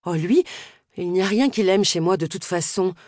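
A woman's voice: fairly high pitch, expressive, fairly quick, darkish tone, no echo, clean studio sound, voice pushed up. A woman voicing an unhappy, plaintive married woman at the hairdresser in an audiobook. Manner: plaintive, whiny.

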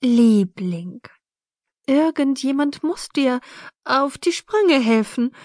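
A woman's voice: high voice, lively intonation, slow pace, darkish tone, dry recording, clean studio sound, pitched above the performer's own voice, full character voice. A woman voicing a frank, free-spirited mother who talks about intimacy in a breezy, matter-of-fact way, read in an audiobook.

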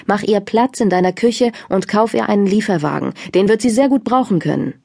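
A woman voicing a calm young man who firmly stands up for his sister. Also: medium pitch, brisk, vocal fry, no room sound, studio quality. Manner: calm, firm. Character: calm young man, protective older brother.

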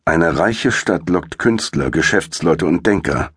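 A loud, blustering greying doctor, as a man reads him in an audiobook, talks with a booming, urgent edge. The voice sits extremely low with a husky grain. The recording is dry and close. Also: lively intonation, unhurried, dry recording, heavily acted. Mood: serious. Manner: uneasy and urgent.

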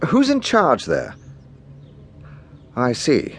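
An actor playing a dry, urbane police inspector with an upper-class English accent, asking clipped questions in a radio drama. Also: male voice, medium pitch, wildly swooping pitch, extremely slow, a little hiss or hum, exaggerated voice. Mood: brisk. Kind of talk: radio detective drama acting.

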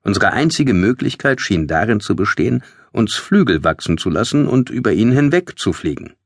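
Male narrator, low husky voice, dry close studio sound, tense measured delivery. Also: sing-song, dry recording. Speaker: audiobook narrator. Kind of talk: scripted first-person audiobook narration. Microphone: close studio mic.

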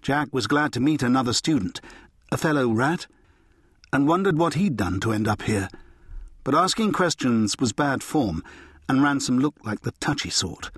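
A man reading an audiobook in measured scripted narration, close to a studio mic. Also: mid-range voice, husky, no room sound. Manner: measured, storytelling.

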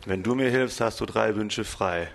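A man reading the part of a stubborn, brash male blackbird in a comic storybook, in a voice close to his own with a low pitch. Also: moderate pace, vocal fry. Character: cocky male blackbird wanting a beard.

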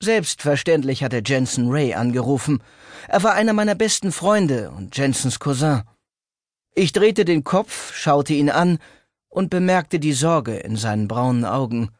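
Man, audiobook narrator, expressive first-person reading, dry studio sound. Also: medium pitch, a little slow, dry recording.

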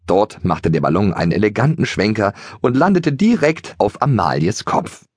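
Low, husky, animated male narrator. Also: normal speed, dry recording, studio quality. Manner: animated, expressive storytelling. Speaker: audiobook narrator. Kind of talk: lively children's audiobook narration.

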